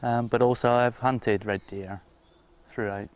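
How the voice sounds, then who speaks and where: A man who works as a deer stalker, explaining informally in a halting, matter-of-fact way. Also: mid-range voice, steady tone, clean tone.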